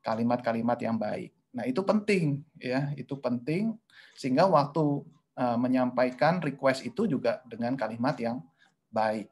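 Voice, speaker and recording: A man's voice: medium pitch, expressive, normal speed, a little mellow, slightly rough. A male pastor speaking to married couples in an online webinar, talking in a conversational sermon style with frequent "ya" and "gitu ya" tags. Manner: conversational and repetitive, often adding "ya" and "gitu ya"; acts out quoted lines in a raised voice.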